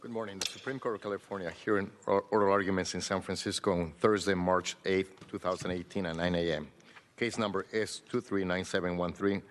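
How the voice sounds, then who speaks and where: A man's voice: low voice, steady tone, a little fast, a little hiss or hum. A man working as court clerk, formally reading out a calendar in a courtroom. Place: large courtroom. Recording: echoey courtroom hall.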